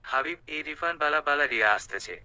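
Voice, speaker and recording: A young friend breaks up quarrels and urges his pal on, as a male reader plays him. The voice is bright and smooth, slightly high for a man. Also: lively intonation, brisk, no echo, exaggerated voice. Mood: coaxing. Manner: coaxing, peace-making.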